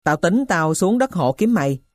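A woman's voice: fairly low pitch, animated, normal speed, no echo, clean studio sound. A woman voicing a scrappy stepchild boy who talks bluntly and eagerly.

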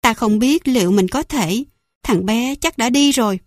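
Sarah, an older healer queen, speaking softly and in a measured, gently urging way, a slightly higher voice with a different timbre, dry close sound. A woman narrator puts her on in an audiobook. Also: no room sound, close to an everyday voice. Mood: grave.

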